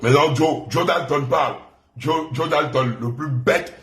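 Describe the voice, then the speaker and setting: Gabonese guy ranting on a live, kinda high voice, mocking and taunting, echoey room. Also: measured pace, a bit bright. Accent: Gabonese French. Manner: mocking, taunting, repeats insults. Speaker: online live host. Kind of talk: insulting livestream rant.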